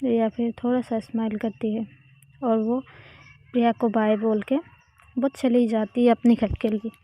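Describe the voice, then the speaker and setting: High-voiced woman narrating a story. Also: level tone, moderate pace, dark tone.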